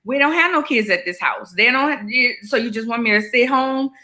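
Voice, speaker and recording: A woman in her forties co-hosting a podcast, speaking frankly and personally in animated conversation. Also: on the high side, moderate pace. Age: 40s. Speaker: podcast co-host. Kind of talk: candid conversational chat.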